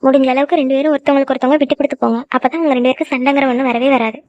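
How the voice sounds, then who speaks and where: A woman's voice: sits high, steady tone, very fast, a little mellow, natural voice. A woman voicing a hot-tempered young woman in a cartoon who lectures her friends at length. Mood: earnest. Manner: scolding, lecturing, then frightened. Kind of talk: cartoon voice acting. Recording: dull lo-fi dry recording.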